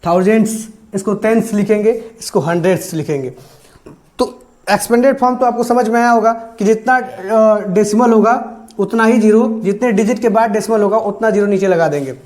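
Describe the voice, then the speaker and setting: A man's voice: high voice, moderate pace, darkish tone. A man teaching a math lesson, asking questions and answering them himself and stressing each number, with English math terms mixed into his Hindi.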